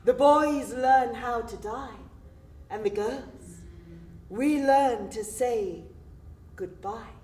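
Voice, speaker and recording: A woman's voice: fairly high pitch, drawn-out words, long pauses, a little mellow, a little hiss or hum. A woman voicing a worldly, wistful young Scottish girl with a Scottish accent, coaxing and confiding. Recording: roomy stage sound from afar.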